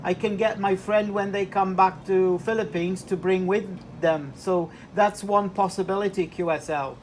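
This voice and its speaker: A man with a high, steady voice speaks at a normal pace, chatting casually as a radio operator over a two-way link. He hesitates and repeats words, and the two-way radio transmission carries a slight hiss.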